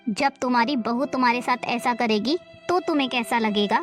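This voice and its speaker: A woman's voice: on the high side, fairly quick, faint music behind, close to an everyday voice. A woman voicing a caring elder daughter-in-law who lectures firmly. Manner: firm, lecturing.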